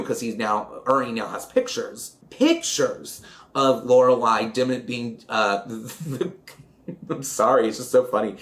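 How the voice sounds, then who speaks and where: Man, casual vlog chat, campy, dramatic asides, giggly. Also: mid-range voice. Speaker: vlogger. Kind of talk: casual movie recap while doing makeup.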